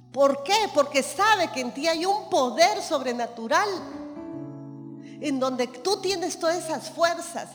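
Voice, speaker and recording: Woman preacher, emphatic and repetitive, slow delivery in an echoing hall. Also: high-pitched, fairly bright tone. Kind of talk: sermon. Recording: reverberant hall with faint music.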